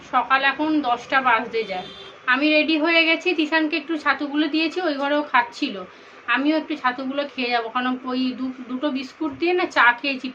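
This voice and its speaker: A woman, hoarse from a cold, chatting casually and tiredly through a daily vlog. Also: high-pitched, fairly bright tone, highs cut off, slight background noise. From India. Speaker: vlogger.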